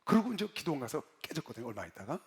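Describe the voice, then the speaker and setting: A middle-aged man preaching an animated sermon, telling stories dramatically and swinging from loud shouts to hushed asides. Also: mid-range voice, rapid-fire. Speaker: pastor. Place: large convention hall. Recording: reverberant hall.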